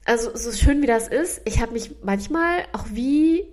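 A young woman co-hosting a podcast, sharing memories in a reflective, halting way with frequent restarts. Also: on the high side, lively intonation. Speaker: podcast co-host. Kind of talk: casual chat.

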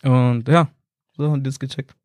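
Young German man in his twenties, rapid storyteller, acts out quotes, dry sound. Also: mid-range voice, no room sound. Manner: animated anecdotes, acts out quotes, laughs often. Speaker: content creator and singer, guest. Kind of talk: casual conversational storytelling.

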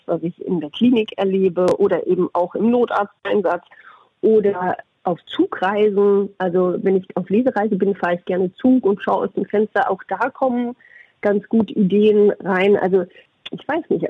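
A middle-aged woman with a husky voice answers interview questions conversationally, telling anecdotes about her work. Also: mid-range voice, no echo. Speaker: interviewee, doctor and puppeteer. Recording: thin phone-like radio sound.

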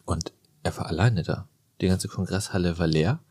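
Deep-voiced joking male podcast host. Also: moderate pace, a little mellow, breathy edge, no echo, clean studio sound. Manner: jokey, chatty storyteller. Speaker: podcast host and plastic surgeon. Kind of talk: casual conversational interview.

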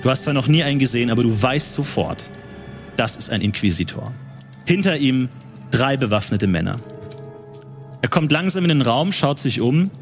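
A man narrating a tabletop role-playing game as game master, in a lively way. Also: mid-range voice, normal speed, long pauses, faint music behind.

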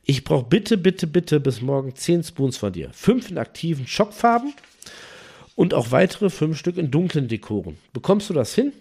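A man's voice: a little high, big pitch swings, normal speed, vocal fry, dark tone, breathy edge, pitched above the performer's own voice, full character voice. Guy doing his freaked-out fishing buddy on the phone, pleading, flustered. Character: panicked male angler friend on the phone.

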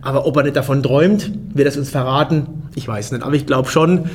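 With a steady, mid-range voice, a German man in his 40s who organizes races responds to an interview in a relaxed manner. He speaks quickly, frequently starting sentences over and repeating words.

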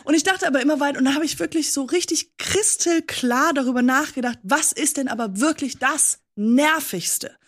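Woman panelist, higher voice, theatrical comic delivery with drawn-out pauses. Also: a bit bright. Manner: theatrical, mock-grand, slowing down for effect. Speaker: panel player. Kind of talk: playful comic monologue.

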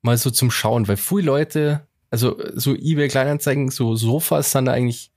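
A man co-hosting a relaxed podcast and telling stories in a loose, slangy way, with English words slipped in. His voice has a gravelly fry at a middling pitch. The recording is dry and close to the mic. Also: moderate pace, no echo. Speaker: podcast co-host. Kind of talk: casual chat.

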